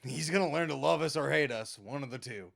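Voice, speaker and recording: A young man co-hosting a podcast, chatting casually, excitable and quick to laugh. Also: medium pitch, vocal fry. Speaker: podcast co-host. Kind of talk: casual chat.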